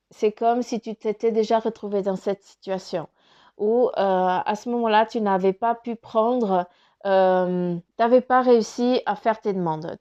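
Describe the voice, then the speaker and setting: A woman's voice: mid-range voice, dark tone, highs cut off. A woman giving a casual spoken card reading, rambling with many fillers and restarts, her nose stuffy from crying. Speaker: spiritual card reader.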